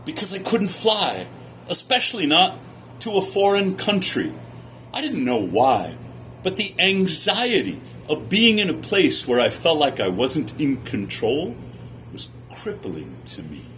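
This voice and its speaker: A middle-aged American man giving a personal testimonial in a deliberate, emphatic storytelling manner with short repeated phrases. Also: on the high side, a bit bright, a little hiss or hum. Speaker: speaker sharing personal experience, former academic researcher.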